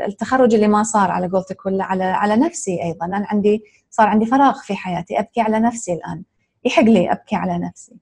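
A woman's voice: medium pitch, darkish tone, husky. A woman asks long, thoughtful questions in an interview. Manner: thoughtful, rephrases her questions at length.

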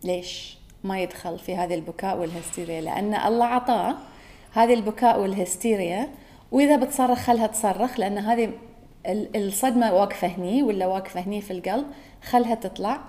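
A woman's voice: mid-range voice, fast, warm tone. A woman with a Gulf Arabic accent hosting a podcast, talking in an earnest, musing solo monologue and correcting herself as she goes. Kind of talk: reflective solo talk.

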